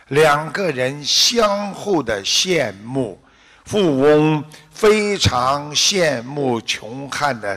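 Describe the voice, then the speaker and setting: A man with a Shanghainese-accented Mandarin, giving a deliberate, unhurried Buddhist dharma talk with a parable in a hall. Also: mid-range voice, a bit bright. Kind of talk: slow measured sermon with parable.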